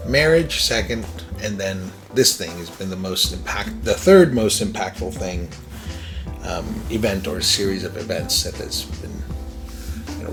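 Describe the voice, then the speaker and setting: Guy from iran, kinda low voice, rambly host talking it out with lots of ums. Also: gravelly, fairly bright tone. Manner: rambling, filler-heavy, self-interrupting; chuckles between thoughts. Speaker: podcast host. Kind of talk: casual personal monologue.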